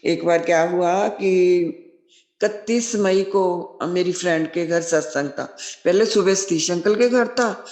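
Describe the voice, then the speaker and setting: A woman's voice: fairly low pitch, slow pace, a little mellow. A middle-aged woman sharing a devotional testimony, earnest and devout, often repeating blessings. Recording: roomy echo.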